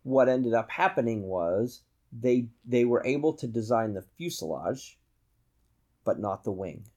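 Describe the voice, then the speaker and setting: A man's voice: mid-range voice, animated, unhurried, darkish tone. A man with a Boston accent telling an anecdote casually as a podcast guest, with teasing asides. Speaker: podcast guest, aerobatic pilot.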